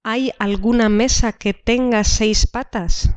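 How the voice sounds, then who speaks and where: Slow, careful woman teaching a lesson. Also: a little high, steady tone, clean tone, no echo. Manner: slow, careful, repeats example sentences twice. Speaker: Spanish teacher. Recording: dull dry lo-fi recording.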